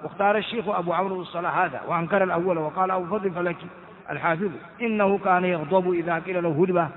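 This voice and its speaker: A man's voice: sits high, steady tone, very fast. A man teaching a hadith lesson in a classroom style. He explains grammar and word forms, spells out the vowels and repeats words to drive them home. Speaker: Islamic scholar teaching hadith commentary. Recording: tinny phone-like, long hall echo.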